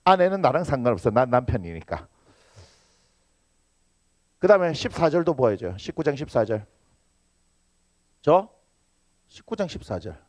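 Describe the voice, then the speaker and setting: A man's voice: mid-range voice, big pitch swings, moderate pace, pauses often, darkish tone, no room sound. A man preaching a Sunday sermon as senior pastor, joking with the congregation and asking rhetorical questions.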